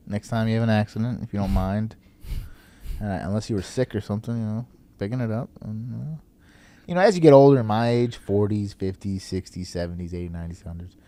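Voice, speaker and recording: A man in his thirties, a company chief on a podcast, joking in a deadpan way with drawn-out pauses. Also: lowish voice. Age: 30s. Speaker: podcast guest, company CEO. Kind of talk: casual podcast chat.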